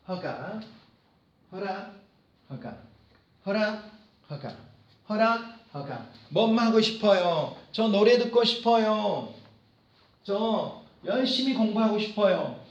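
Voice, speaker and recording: A man teaching a language lecture, repeating key phrases slowly for his students to follow. His voice sits high and moves widely across its range. The room around him carries a noticeable echo. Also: animated, dull audio. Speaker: professor teaching business Korean. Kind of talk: lecture with dialogue drills.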